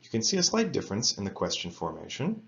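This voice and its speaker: A man teaching an English grammar lesson to students, reading example sentences slowly and carefully. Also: fairly low pitch, wildly swooping pitch, gravelly, fairly bright tone, dull audio. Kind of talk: recorded lecture for students.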